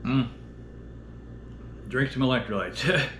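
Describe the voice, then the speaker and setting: A man with a lisp and a whistling s from missing top teeth rambles bluntly and profanely in an unedited workout vlog. He speaks slowly in a mid-range, fairly bright voice from an indoor home workout space, where a running fridge adds slight background noise.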